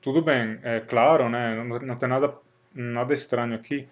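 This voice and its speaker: A man's voice: mid-range voice, fairly even intonation, normal speed, highs cut off. A man from Italy with an Italian accent, giving a recorded university logic lecture in a hesitant way, with many fillers and frequent checks on the listener.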